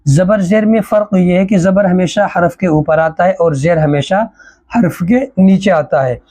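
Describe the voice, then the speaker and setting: A woman teaching Qur'an reading, spelling out letters and syllables in a measured drill. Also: lowish voice, mellow.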